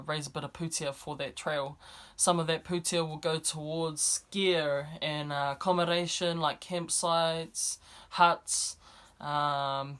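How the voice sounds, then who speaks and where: A woman's voice: low-pitched, a bit bright, clean tone. Young New woman. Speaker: vlogger. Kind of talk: casual vlog talk to camera. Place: indoors, speaking to camera.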